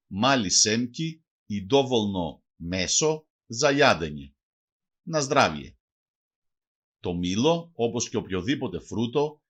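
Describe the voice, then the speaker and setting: A man reading a language lesson aloud, slowly and carefully going through lists of words and their meanings. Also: mid-range voice, a bit bright, breathy edge, highs cut off. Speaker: language teacher. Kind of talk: read-aloud vocabulary lesson.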